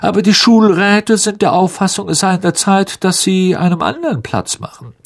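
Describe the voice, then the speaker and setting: A man's voice: high voice, lively intonation, normal speed, pitched above the performer's own voice. A man voicing a cold, scornful aristocrat who mocks with drawling politeness in an audiobook reading. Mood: sneering.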